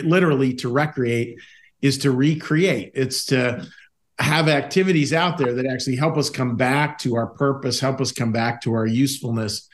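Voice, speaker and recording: A man hosting a faith podcast, talking enthusiastically and smiling as he asks his questions. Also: medium pitch. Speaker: podcast host. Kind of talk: casual theological discussion.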